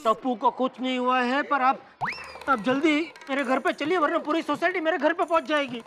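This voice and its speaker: An actor voicing a flustered, panicky middle-aged shopkeeper in a cartoon, talking fast and defensively. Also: male voice, very high voice, a little hiss or hum. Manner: excitable, defensive. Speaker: cartoon character.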